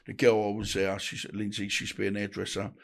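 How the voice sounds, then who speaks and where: A man's voice: on the low side, little pitch movement, vocal fry. Rambling man telling stories. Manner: rambling, halting storyteller with many restarts. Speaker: guest, ex-boxer. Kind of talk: casual interview chat.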